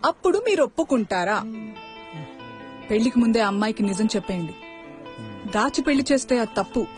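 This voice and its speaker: A woman's voice: fairly high pitch, lively intonation, fairly quick, soft background music, close to an everyday voice. A woman in a film scene, lecturing insistently about honesty and cheating, mixing English into her Telugu. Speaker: teacher lecturing two young men on honesty. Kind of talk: film dialogue.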